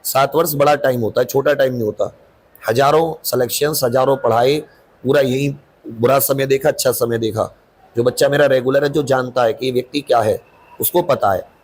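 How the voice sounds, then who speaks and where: Coaching teacher defending himself in an interview; husky, insistent, talks in long runs. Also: male voice, medium pitch, fairly even intonation, normal speed. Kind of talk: interview answers.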